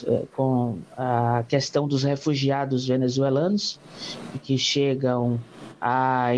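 A man's voice: fairly high pitch, a little mellow. Hesitant man on dull audio. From Bahia, Brazil. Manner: hesitant, many filler sounds and restarts. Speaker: guest, documentary filmmaker and student. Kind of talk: interview answers.

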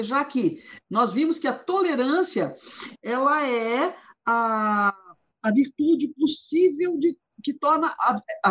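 Woman leading a halting, thoughtful discussion. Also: high-pitched. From Goiás, Brazil. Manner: halting, thinking aloud with many restarts. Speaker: discussion host. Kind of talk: informal discussion, reading quotes. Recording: dull lo-fi sound.

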